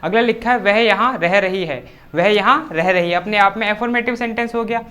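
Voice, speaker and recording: A woman teaching an English grammar lesson, explaining step by step and slowing down to dictate example sentences. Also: medium pitch, fairly bright tone.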